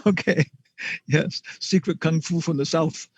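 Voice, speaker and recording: A man's voice: on the high side, steady tone, a little slow, breathy edge, no room sound. A man answering students' questions in a casual class, rambling with many fillers and chuckles.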